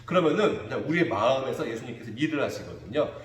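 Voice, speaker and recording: A man preaching a children's sermon as pastor, animated and acting out what children might say. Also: medium pitch, fast. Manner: animated, acts out children's quotes. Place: church room. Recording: echoey church hall.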